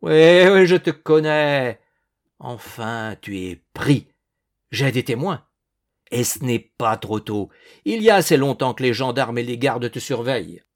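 A man voicing a suspicious old male landowner hunter who shouts and blusters, making angry accusations. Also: medium pitch, expressive, measured pace. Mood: furious.

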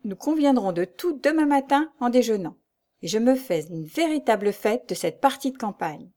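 A woman's voice: on the high side, sing-song, normal speed, mellow, voice pushed up. A woman reading the lines of a scheming, falsely charming man in an audiobook, with a courteous, coaxing manner. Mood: smooth. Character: scheming middle-aged man, smooth and false.

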